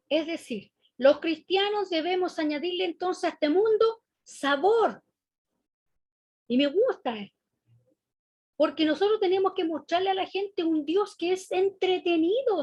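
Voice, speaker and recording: A woman's voice: very high voice, no echo. A woman with a Chilean accent preaching a sermon in a conversational way, often asking the congregation questions. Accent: Chilean Spanish.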